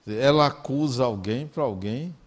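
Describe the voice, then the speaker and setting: A man with a Brazilian Portuguese accent, giving a talk in an animated, conversational storytelling way. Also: mid-range voice, measured pace. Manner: animated, conversational, acts out dialogue.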